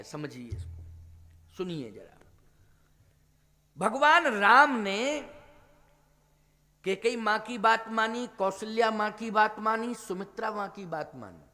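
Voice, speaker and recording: High-voiced preaching man in a hall. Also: bright, forceful tone. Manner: preaching with rhetorical questions to the audience. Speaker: spiritual teacher giving a Ramkatha discourse.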